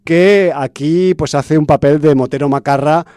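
A man's voice: fairly high pitch, measured pace, mellow, dry recording. A man from chatting casually about a film's cast as a podcast host, full of fillers and restarts. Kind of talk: casual film review chat.

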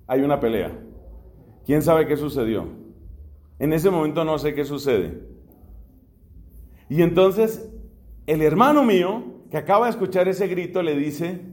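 A man's voice: fairly high pitch, a little mellow. A man from Colombia, a Dominican friar, lecturing on philosophy in an emphatic way and repeating key questions to drive them home.

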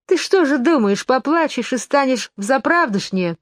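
A woman's voice: sits high, expressive, normal speed, dry recording, studio quality, pitched above the performer's own voice. A woman voicing a boastful, self-satisfied little twin brother who teases the girl, in a storybook reading. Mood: teasing.

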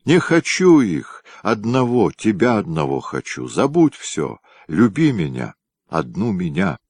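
A man's voice: huge pitch swings, measured pace, slightly rough, dry recording, heavily acted. A man voicing a willful, clingy young tsaritsa in a read-aloud historical story, pleading in a raised voice. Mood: demanding. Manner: pleading, higher and louder than the narrator. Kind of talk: audiobook reading.

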